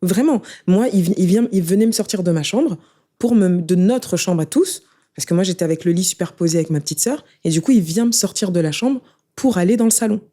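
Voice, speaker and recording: A woman's voice: fairly low pitch, expressive, mellow. A young woman telling her own story in an interview, emotional and conversational, often turning to the listener. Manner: rapid, emotional, conversational, addresses listener with "tu vois". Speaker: guest sharing her life story. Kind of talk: casual spoken testimony.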